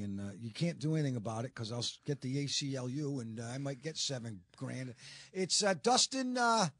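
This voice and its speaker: Man, radio talk host, husky low voice, dry studio sound, chatty and joking. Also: a bit bright, dry recording. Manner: chatty, joking, rambling asides. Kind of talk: local talk radio interview.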